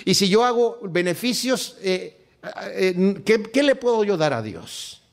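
A man preaching a sermon, reading scripture aloud and explaining it to his congregation with rhetorical questions. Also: unhurried. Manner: expressive, rises in pitch on rhetorical questions.

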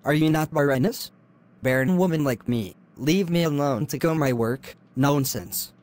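Brief: a man playing a domineering young husband, higher voice, scornful and insulting. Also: normal speed, a little mellow, close to an everyday voice. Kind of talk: animated drama voice acting.

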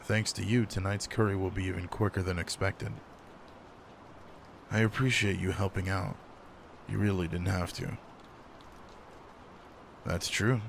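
In this intimate roleplay audio drama, a man plays a werewolf pack alpha who is gruff yet caring. His tone is casual, low-key, and matter-of-fact, and there's noticeable background noise on the recording.

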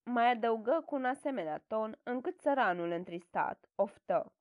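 A woman reading a storybook audiobook in calm, measured scripted narration. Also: on the high side, dry recording, narrow, tinny audio.

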